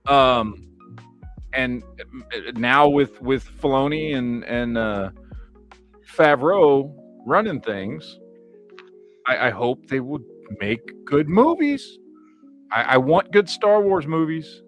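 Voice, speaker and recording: A man hosting a live stream chat, his voice rising and falling a lot as he talks. He has a middle pitch and keeps checking in with "you know what I mean." Faint background music plays under him. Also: expressive, slow, long pauses. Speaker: show host. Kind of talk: casual chat about toys and films.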